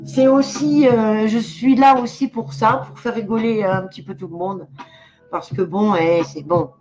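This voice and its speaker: An older woman hosting a live clairvoyance stream chats away to her viewers, breaking into giggles and greeting people by name. Her voice sits at a middle pitch and comes through a webcam microphone. Faint music hums behind her. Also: steady tone, normal speed, rough recording. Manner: chatty, giggly, talks directly to viewers. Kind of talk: casual live-stream chat.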